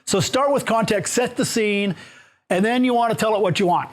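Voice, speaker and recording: A man with a fairly high voice leads a live workshop in a meeting room. He talks casually with plenty of fillers and restarts, often putting questions to the audience as he walks about the room. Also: normal speed. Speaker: workshop presenter. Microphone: room mic, moves around while talking.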